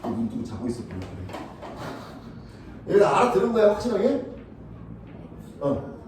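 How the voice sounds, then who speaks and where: A man's voice: high-pitched, huge pitch swings, normal speed, a little mellow, a little hiss or hum. A male math teacher giving a classroom lecture, talking bluntly and crudely and keeping on checking whether the students follow. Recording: echoey classroom, from far off.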